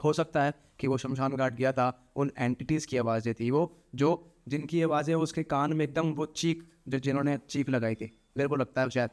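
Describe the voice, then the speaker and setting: A man's voice: medium pitch, moderate pace, few pauses. A young man, a podcast guest, telling a horror story dramatically, repeating phrases and acting out voices. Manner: animated, repetitive, acts out voices.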